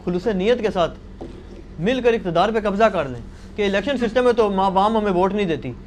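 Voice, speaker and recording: Interviewer, high-pitched man, faint background noise. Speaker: interviewer asking questions.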